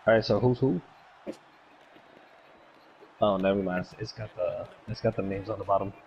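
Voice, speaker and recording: A man chatting casually with a friend while they play a game online, with low-key remarks. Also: moderate pace, breathy edge, lo-fi sound. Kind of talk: casual chat over gameplay.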